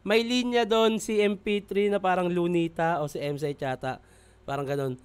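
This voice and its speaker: Excitable swearing reaction host. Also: male voice, sits high, moderate pace, clean tone. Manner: excitable, swears often, apologetic. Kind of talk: casual reaction commentary.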